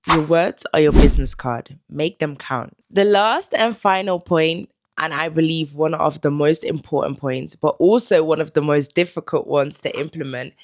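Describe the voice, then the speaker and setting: Speaking straight to the viewer in an advice vlog, this young lifestyle vlogger from the Netherlands is a native Dutch speaker. She sounds calm and instructive, with a low-pitched voice.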